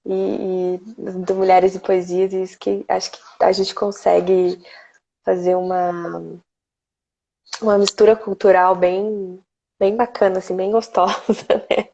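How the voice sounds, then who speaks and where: A woman's voice: medium pitch, level tone, measured pace, dark tone. A woman from Brazil hosting a casual live poetry stream, chatty and greeting viewers by name. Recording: slightly dull lo-fi stream audio.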